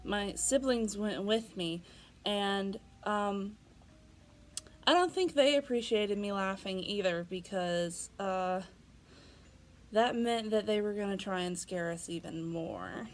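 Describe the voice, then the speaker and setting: A woman's voice: medium pitch, takes it slowly, poor audio. A young woman vlogging casually, chatty and giggly, with many fillers and restarts. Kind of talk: casual vlog storytelling.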